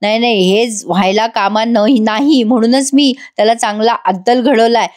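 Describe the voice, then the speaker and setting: A woman's voice: on the high side, fairly even intonation, moderate pace, darkish tone, close to an everyday voice. Brief: boastful scheming father, voiced by a woman, dismissive. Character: scheming middle-aged father, boastful local strongman.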